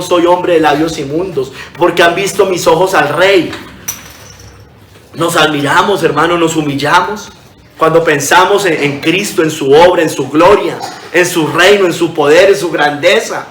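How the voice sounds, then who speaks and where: A man's voice: on the high side, normal speed, fairly bright tone, a little hiss or hum. Earnest preaching man in echoey room. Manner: earnest preaching, addresses hearers as brothers, reads scripture aloud. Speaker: pastor. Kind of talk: sermon.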